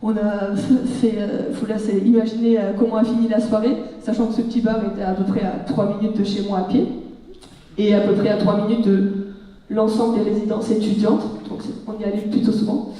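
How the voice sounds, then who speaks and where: A young French woman telling a humorous story about her student exchange, lively and joking, acting out bits of dialogue. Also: mid-range voice, fairly quick. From France. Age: young adult. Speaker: student speaker. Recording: echoey hall, heard from far off.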